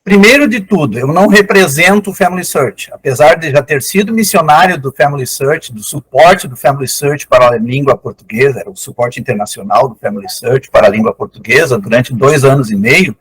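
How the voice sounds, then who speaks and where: A man's voice: mid-range voice, brisk, hardly any pauses, a bit bright, breathy edge, rough recording. An older man giving an online lecture as a guest genealogist, explaining in an enthusiastic, conversational way over a video call.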